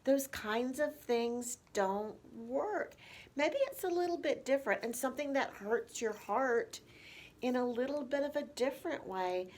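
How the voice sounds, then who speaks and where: A woman teaching caregivers in a fairly high voice. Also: animated, unhurried, darkish tone. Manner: conversational, poses rhetorical questions. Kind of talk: instructional talk to caregivers.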